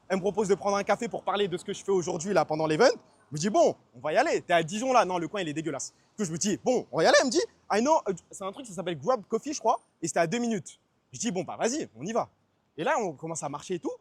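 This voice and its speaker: A young man telling a story on a casual outdoor stream, quick and slangy, acting out the people he quotes. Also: high-pitched, breathy edge, dry recording. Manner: fast slangy storytelling, acts out quoted voices. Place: outdoors on city streets. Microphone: phone stream mic with noise suppression.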